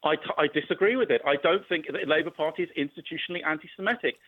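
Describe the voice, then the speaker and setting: Male phone-in caller, slightly high voice, tinny phone line, dry sound, insistent and argumentative. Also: very fast, no echo. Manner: insistent, argumentative, stumbles and repeats words. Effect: heard over a phone line on a radio show. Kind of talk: heated phone-in debate.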